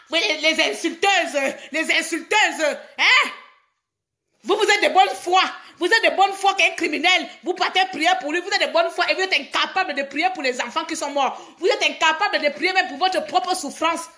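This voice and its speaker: A woman's voice: extremely high pitch, fairly quick, few pauses, pushed and bright. A woman from Gabon, hosting a live stream and scolding her audience with rhetorical questions. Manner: indignant, scolding, repeats herself with rhetorical questions. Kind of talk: heated live-stream rant.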